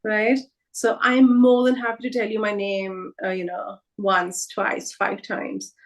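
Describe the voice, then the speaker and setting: Presenting a workshop live on a video call, this native Hindi speaker takes care to say every name twice while explaining it. She speaks at a measured pace in a mid-range voice with flat delivery.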